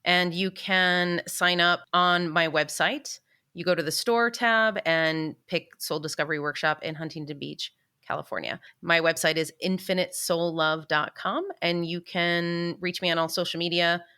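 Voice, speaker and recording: Woman with a low bright voice, spiritual teacher chatting about what she teaches, really clean sound. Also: fairly even intonation, normal speed, smooth. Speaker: guest spiritual channeler and workshop teacher. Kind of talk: conversational explanation of workshop.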